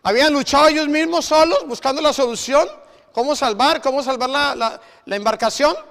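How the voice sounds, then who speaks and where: A male preacher with a Latin American Spanish accent, giving a sermon and quizzing the congregation with questions, often halting and repeating words. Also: very high-pitched, vocal fry, a bit bright. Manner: call-and-response questions to the congregation. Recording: hall reverb.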